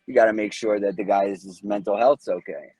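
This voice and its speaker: Husky, relaxed man in casual talk. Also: fairly low pitch, normal speed, dry recording, rough recording. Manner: relaxed, hesitant, many fillers. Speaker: guest, former Navy corpsman. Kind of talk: casual interview conversation. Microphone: podcast microphone.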